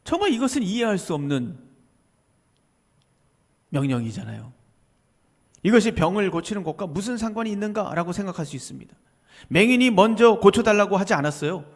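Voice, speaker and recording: High, lively-voiced preacher in a reverberant church. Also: male voice, fairly quick, long pauses. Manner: emphatic, rhetorical questions, sudden drops to near whisper. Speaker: pastor. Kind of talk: sermon. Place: church sanctuary.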